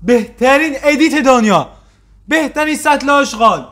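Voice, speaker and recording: High-voiced man mocking clips sarcastically. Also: animated, fairly bright tone, soft background music. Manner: teasing, sarcastic, quick retorts. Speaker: reaction video host. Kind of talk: casual mocking commentary.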